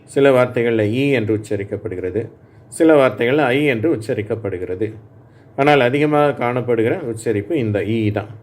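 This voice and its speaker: A man with a Tamil accent, teaching English phonics in a spoken lesson for adult learners, drilling sounds slowly and clearly so listeners can repeat them. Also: medium pitch, darkish tone.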